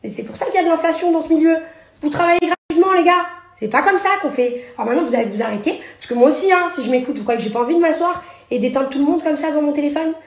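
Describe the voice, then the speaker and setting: Young woman ranting into her phone, high pitched, sarcastic, kinda echoey room. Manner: indignant, sarcastic, rapid-fire. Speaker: reality TV personality and influencer. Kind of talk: social media story rant. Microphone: phone held at arm's length.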